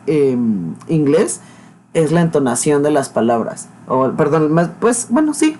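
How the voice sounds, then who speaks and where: A man's voice: fairly high pitch, slight background noise. A man with a Mexican accent hosting a reaction video, making sarcastic, mocking remarks. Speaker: host. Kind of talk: reaction commentary.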